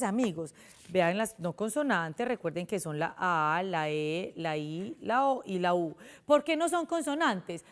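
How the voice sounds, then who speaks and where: A Colombian woman in young adulthood leads a televised spelling lesson for children. Her voice sits fairly high, and she explains each step patiently and keeps asking the children questions. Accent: Colombian Spanish. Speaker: primary school teacher.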